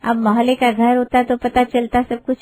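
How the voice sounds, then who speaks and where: A woman's voice: fairly high pitch, monotone, normal speed, a little mellow, voice pushed up, lightly acted. Cartoon auntie, middle-aged busybody, sweet-talking but prying, performed by a woman. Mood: sugary. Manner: sugary, teasing and prying.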